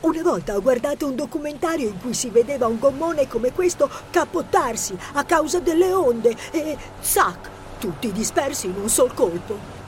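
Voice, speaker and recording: A jumpy, anxious boy who always expects disaster, as a man puts him on. His voice is pitched well above the narrator's and frets its way through every line. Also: lively intonation, moderate pace, a little hiss or hum. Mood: nervous. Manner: anxious, dramatic. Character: nervous jittery boy.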